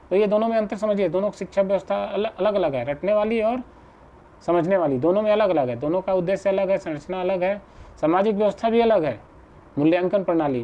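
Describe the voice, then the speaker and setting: A man teaching an exam-prep class, explaining slowly, repeating points and checking with the listener. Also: high voice, dark tone.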